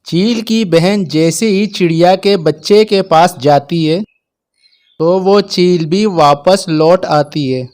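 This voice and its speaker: A man narrating a children's cartoon story in a calm, steady storytelling manner. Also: high voice, slow pace.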